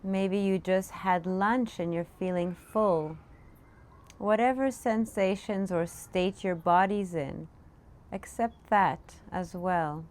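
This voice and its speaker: With a medium-pitched voice, a woman teaching meditation gives gentle, unscripted guidance punctuated by pauses. Room ambience and clear background noise surround her, including children in the background.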